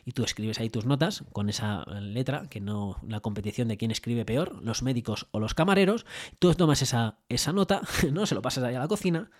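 A man's voice: mid-range voice, fairly quick. A man with a Spain Spanish accent, giving a motivational business talk and coaching listeners through lots of rhetorical questions and tag questions. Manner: animated storytelling with acted-out dialogue.

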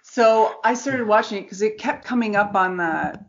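A woman's voice: mid-range voice, normal speed. A woman chatting casually and candidly with friends, gushing freely, recorded in an echoey, sparsely furnished room. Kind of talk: casual group chat. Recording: echoey empty room, dull lo-fi sound.

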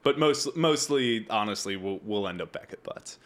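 A man's voice: fairly low pitch, expressive, moderate pace, a bit bright. A young man hosting a casual gaming podcast, joking and rambling between laughs while having a few drinks. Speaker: podcast host.

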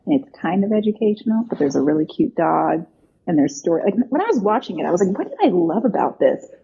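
A woman in her thirties, a podcast guest, reminiscing in a relaxed way. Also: lowish voice, fast, gravelly, husky. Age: 30s. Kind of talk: casual podcast chat. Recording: dull lo-fi audio.

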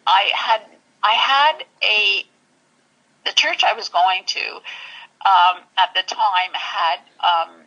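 A woman telling her personal story in an interview, halting and searching for words. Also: mid-range voice, bright, forceful tone, lo-fi sound. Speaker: interview guest.

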